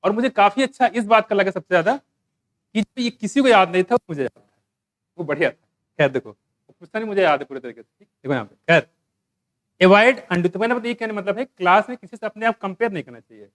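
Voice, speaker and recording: A man's voice: high-pitched, lively intonation, quick pace, a bit bright. A man with an Indian accent teaching a biology lesson, conversational, mixing in English terms and telling his own stories to motivate students. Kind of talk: online class lecture.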